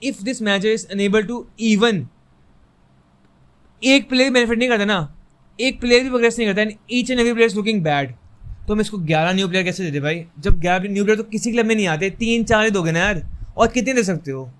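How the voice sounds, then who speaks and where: A man's voice: sits high, fairly quick, fairly bright tone. A young man giving a heated, frustrated fan reaction to a football match, switching between Hindi and English.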